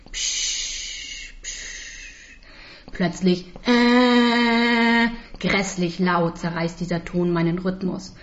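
A woman reading a first-person story aloud in a calm, slow voice, dropping to a whisper for some spoken lines. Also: on the low side. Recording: dull lo-fi recording.

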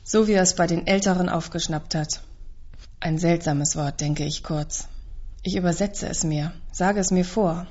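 A woman with a fairly low voice reads a literary novel in the first person. Her delivery is measured, subdued and introspective. The recording sounds a little dull and lo-fi. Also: fairly even intonation, darkish tone. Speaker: audiobook narrator.

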